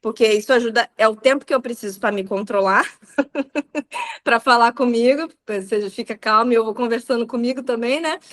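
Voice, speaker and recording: A woman's voice: a little high, a little fast, a bit bright. A woman in her thirties with a Brazilian Portuguese accent, giving a live talk on parenting in a chatty storytelling way. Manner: conversational storytelling with many fillers. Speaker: parenting speaker. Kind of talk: live talk on child behavior.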